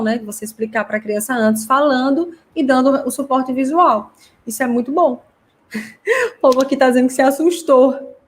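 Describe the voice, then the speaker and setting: Casting note: woman, somewhat high voice, chatty live-class host answering viewers. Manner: chatty, explanatory, reads comments aloud. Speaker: host teaching parents.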